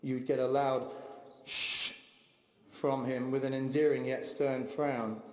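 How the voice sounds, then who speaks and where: A man delivering a heartfelt memorial eulogy for his father, speaking in a measured, steady way. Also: medium pitch. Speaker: eulogy speaker, son of the deceased. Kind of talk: memorial eulogy read aloud. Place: large memorial hall. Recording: echoey hall, long reverb.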